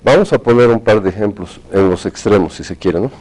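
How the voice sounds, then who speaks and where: A man speaking as a hypnotherapy guest on a talk show, explaining in a measured, clinical way with technical terms. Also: fairly low pitch, a little mellow, rough recording.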